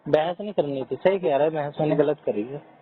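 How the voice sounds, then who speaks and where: A man's voice: on the high side, brisk, breathy edge. A man chatting casually on a podcast, telling personal stories in a frustrated, rambling way. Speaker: podcast co-host. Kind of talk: casual chat. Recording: tinny phone-like sound with faint music.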